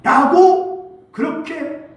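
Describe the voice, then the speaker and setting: A male pastor preaching a sermon in a church, pressing points with rhetorical questions and sudden bursts of loudness. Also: very high-pitched, extremely slow. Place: church sanctuary. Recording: very echoey hall, voice from far off.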